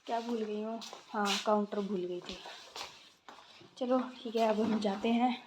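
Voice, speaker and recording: A young woman talking casually to her phone camera in a vlog. She speaks softly and quietly. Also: medium pitch, fairly even intonation, a little slow, noisy background. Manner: soft-spoken, talks quietly. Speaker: vlogger. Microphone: phone held in hand, no external mic.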